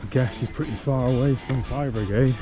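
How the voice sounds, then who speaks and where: Low-pitched man chatting casually, vlog style. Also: fairly quick, over music. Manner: rambling, self-deprecating, wry understatement. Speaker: vlogger. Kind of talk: casual chat to camera.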